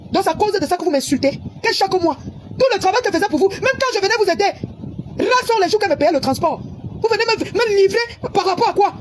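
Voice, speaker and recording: A woman's voice: extremely high pitch, slight background noise. A woman, scolding and repeating herself in an angry livestream on her phone camera. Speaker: social media personality.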